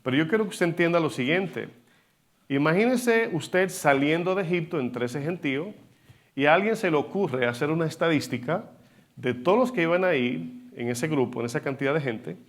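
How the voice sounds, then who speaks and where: A male pastor preaching a sermon, animated and asking the congregation rhetorical questions. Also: on the high side. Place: church hall.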